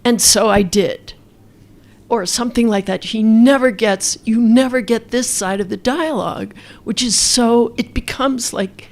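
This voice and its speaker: A woman's voice: a little high, moderate pace, few pauses, a little mellow. A woman talking spontaneously about literature in an enthusiastic, rambling way.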